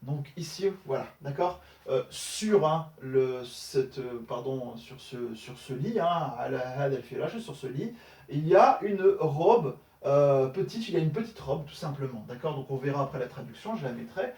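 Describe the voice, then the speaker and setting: A man's voice: mid-range voice, animated, normal speed, a little mellow, recorded from a distance. A man teaching Arabic grammar in French, correcting exercises step by step, with many fillers and frequent checks for understanding. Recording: echoey room, voice somewhat off-mic.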